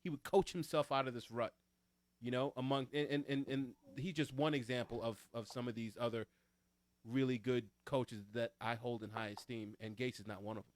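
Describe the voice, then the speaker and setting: A man's voice: mid-range voice, steady tone, brisk, dry recording. A man with a Long Island accent co-hosting a casual sports podcast, talking in an emphatic, opinionated way. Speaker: podcast co-host.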